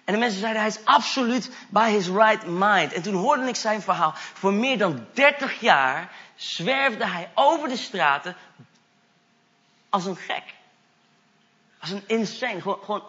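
A man with a high, bright voice preaches with eager, animated energy, slipping English phrases into his storytelling. The recording sounds dull and lo-fi. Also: measured pace. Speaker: evangelist preacher. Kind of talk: sermon testimony storytelling.

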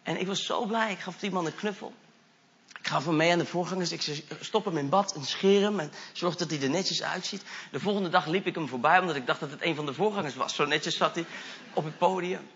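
A man with a high, bright voice preaches with eager, animated energy, slipping English phrases into his storytelling. The recording sounds dull and lo-fi. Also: brisk. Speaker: evangelist preacher. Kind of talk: sermon testimony storytelling.

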